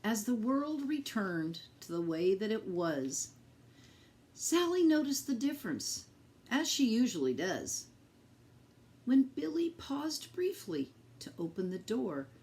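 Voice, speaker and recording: Speaking straight to the little ones in front of her, a woman with a fairly high voice reads from a picture book. She reads with deliberate, teacherly expression.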